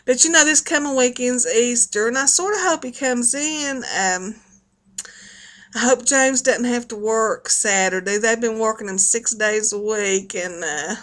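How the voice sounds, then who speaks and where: A woman's voice: fairly high pitch, pushed and bright. A middle-aged woman with a folksy Appalachian accent, chatting casually and rambling along to her online viewers. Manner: folksy, chatty, laughs often. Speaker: video blogger.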